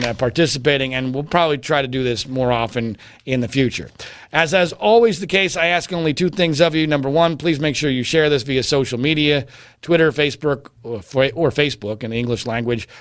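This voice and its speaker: A man's voice: mid-range voice, a little fast, a bit bright, no echo. A middle-aged man hosting a podcast, answering listener questions in a wry, rambling way with many filler words. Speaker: podcast host.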